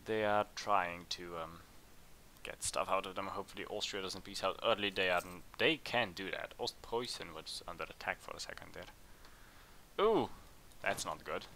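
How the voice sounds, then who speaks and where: Deep, bright-toned man commentating a game. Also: moderate pace, slight background noise. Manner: chatty, thinks aloud, gets excited in tense moments. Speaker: let's play host.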